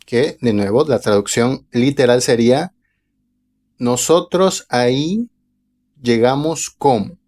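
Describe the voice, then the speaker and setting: A man teaching a language lesson online, reading example phrases slowly and carefully before explaining them. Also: mid-range voice, a little mellow. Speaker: French teacher.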